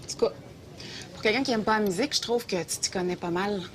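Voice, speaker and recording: An actress playing a young trendy woman in a taxi, hesitant and gently contrary, in a comedy sketch. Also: mid-range voice, quick pace, slight background noise, lightly acted. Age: young adult. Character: young trendy woman passenger, mildly teasing. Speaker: taxi passenger. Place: inside a taxi.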